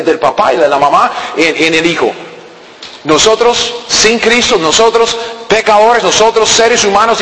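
Man preaching in an echoing hall. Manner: preaching with wide swings between raised emphatic lines and low quiet asides. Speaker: pastor. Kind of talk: sermon. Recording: distant in a reverberant hall.

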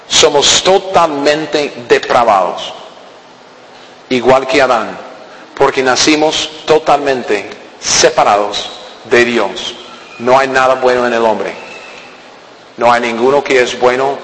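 A man preaching a sermon, swinging between loud emphatic lines and low, quiet asides. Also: a little hiss or hum. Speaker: pastor. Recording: distant in a reverberant hall.

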